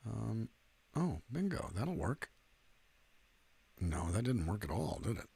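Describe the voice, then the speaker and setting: Husky rambling livestream host, a man. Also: fairly low pitch, very animated, takes it slowly, mellow. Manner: rambling, self-deprecating joker. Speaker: singer-songwriter hosting a livestream. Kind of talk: casual livestream chat.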